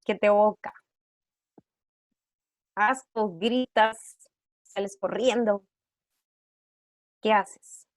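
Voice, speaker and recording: A woman's voice: medium pitch, fairly even intonation, no echo, muffled recording. A woman leading an online workshop over a video call, putting one question after another to her audience. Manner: asks rapid rhetorical questions to the audience. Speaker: trauma-informed care workshop facilitator.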